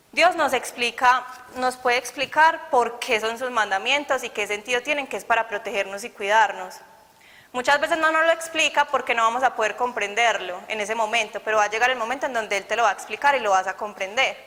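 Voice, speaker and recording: Young woman, earnest chatty preacher, higher voice, reverberant hall. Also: sharp tone. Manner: earnest, conversational, acts out quoted dialogue. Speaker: church youth speaker. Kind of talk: sermon with personal testimony.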